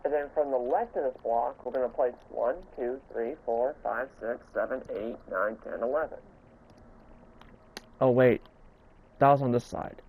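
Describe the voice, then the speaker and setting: A man hosting a gaming video offers casual tutorial commentary as he builds, stumbling repetitively with an occasional stutter. He speaks at a measured pace with medium pitch, recorded at phone quality with slight background noise.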